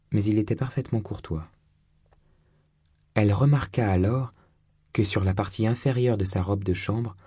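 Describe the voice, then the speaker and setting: Man, audiobook narrator, deep voice, husky, measured literary reading. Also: warm tone, no echo, clean studio sound.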